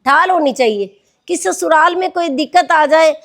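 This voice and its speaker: Earnest high-voiced woman giving advice. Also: normal speed, a bit bright. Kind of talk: moral talk to viewers.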